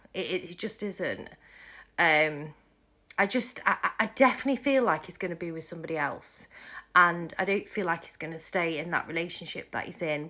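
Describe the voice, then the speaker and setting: A woman's voice: on the low side, bright, forceful tone. A woman vlogging about her psychic readings in a casual monologue, rambling and hesitant with many ums and restarts.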